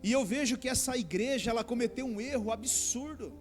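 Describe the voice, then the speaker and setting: High-voiced preaching pastor, faint music. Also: male voice, a little fast. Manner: preaching with rising, pleading outbursts; addresses listeners as brothers. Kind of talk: sermon.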